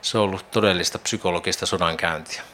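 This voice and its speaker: Low-voiced man giving a Bible teaching. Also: fairly even intonation, pushed and bright, slight background noise. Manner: reflective, imagining scenes aloud with rising questions. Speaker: preacher.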